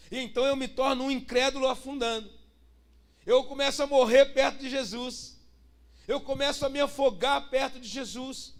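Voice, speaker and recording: A pastor, preaching a sermon and putting rhetorical questions to his congregation. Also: very high-pitched. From Brazil.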